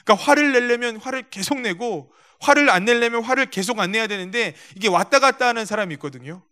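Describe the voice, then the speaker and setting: A man's voice: extremely high pitch, lively intonation, fast, bright, forceful tone, clear, resonant tone. A male pastor preaching a sermon in a church, telling stories, acting out quotes and speaking directly to the congregation. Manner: storytelling with acted-out quotes. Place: church sanctuary.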